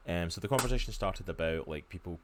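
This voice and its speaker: A Glaswegian man in his thirties, from near Glasgow in Scotland, co-hosts a casual podcast from a room at home over a video call. His low voice moves fast and animated, full of fillers, chatty and enthusiastic, with some background noise.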